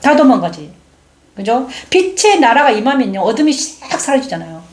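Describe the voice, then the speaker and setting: Animated middle-aged woman preaching testimony. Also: fairly high pitch, moderate pace, reverberant. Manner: emphatic, animated storytelling with acted-out quotes. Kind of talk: sermon testimony.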